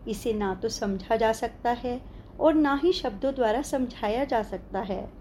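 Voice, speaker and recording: A woman narrating her own spiritual memoir in the first person, in an expressive, heartfelt and reflective way. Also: fairly high pitch, a little slow, a little hiss or hum.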